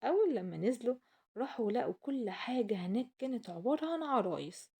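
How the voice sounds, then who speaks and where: A woman's voice: fairly high pitch, lively intonation, fast talker, a little mellow, husky. A woman with an Egyptian accent hosting and telling stories to children in a playful way, asking them questions as she goes. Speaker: children's storyteller and host. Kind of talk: animated children's storytelling.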